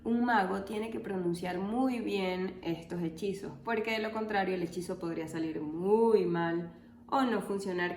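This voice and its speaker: A woman explains language topics casually, slipping in dry, deadpan jokes. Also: lowish voice, roomy sound, a little hiss or hum. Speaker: linguistics educator. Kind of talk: casual educational video.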